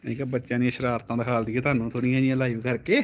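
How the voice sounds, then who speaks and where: A man live-streaming as he plays with his toddler, switching between high playful baby talk and a relaxed aside to viewers. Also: racing, lo-fi sound, slight background noise. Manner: playful baby talk, high and animated when talking to the child. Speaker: vlogger.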